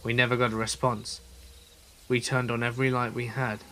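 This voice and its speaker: A man reading a first-person scary story aloud in a steady, measured storytelling manner. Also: mid-range voice, a little hiss or hum. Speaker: narrator. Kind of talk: scripted horror story narration.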